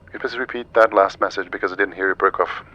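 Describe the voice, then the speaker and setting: A man's voice: low voice, fairly even intonation, quick pace, bright, forceful tone, dull audio. A man streaming a flight simulator, thinking aloud through each step as he gives live commentary and makes pilot radio calls.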